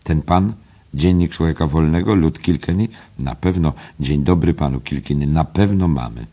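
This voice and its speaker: A man's voice: extremely low pitch, normal speed, warm tone, breathy edge. A man voicing a fussy, overly courteous librarian eager to help. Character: fussy, eager, polite older male librarian.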